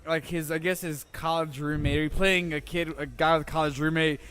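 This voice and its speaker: A man's voice: fairly high pitch, flat delivery, a little fast, a bit bright. A man co-hosting a casual podcast chat, acting out comedy bits in quoted voices. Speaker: podcast co-host.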